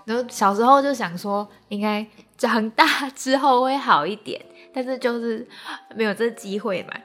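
A young woman with a Taiwanese Mandarin accent co-hosting a podcast in casual chat, self-mocking and quick to laugh. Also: fairly high pitch, fairly bright tone, soft background music. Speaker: podcast co-host.

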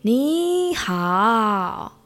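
Woman doing a shouting mischievous bear boy. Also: a little high, big pitch swings, very slow, faint music behind, full character voice. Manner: shouts his greetings. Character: loud mischievous young male bear.

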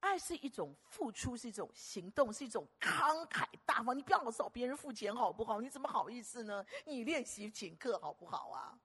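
A woman preacher giving a lively sermon, telling stories and asking the congregation rhetorical questions. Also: a little high, a little fast, hardly any pauses, slightly rough.

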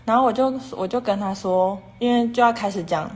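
Speaking a little fast in a medium-pitched, slightly mellow voice, a woman hosts a casual livestream. She strings long, repetitive stretches together with "and then" and responds to what viewers post.

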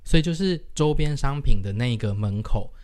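A man's voice: medium pitch, expressive, moderate pace. A man with a Taiwanese Mandarin accent, co-hosting a podcast and chatting casually, with enthusiastic reactions. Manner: enthusiastic, reacts with loud exclamations. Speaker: podcast co-host. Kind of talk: casual chat.

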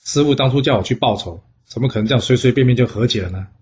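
A man's voice: mid-range voice, very fast, a little mellow, highs cut off, slight background noise, natural voice. A storyteller with a Taiwanese Mandarin accent voicing a rude, cocky boy warrior. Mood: scheming. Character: brash defiant boy warrior.

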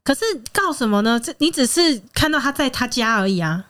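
A woman's voice: fairly high pitch, animated, fairly quick, fairly bright tone. A woman hosting a podcast, asking her guest probing, incredulous follow-up questions in casual chat. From Taiwan. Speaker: podcast host.

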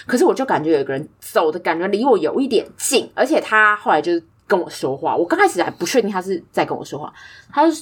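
Fast-talking young Taiwanese woman telling stories. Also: fairly low pitch, slightly rough. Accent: Taiwanese Mandarin. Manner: animated storytelling, acts out quoted voices. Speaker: podcast co-host. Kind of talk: casual chat.

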